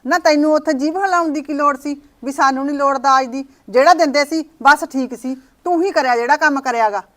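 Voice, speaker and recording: An actress playing a sharp-tongued mother-in-law who nags and scolds her daughter-in-law, in a village short-film drama. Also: high voice, fairly quick. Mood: scolding. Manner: scolding, nagging.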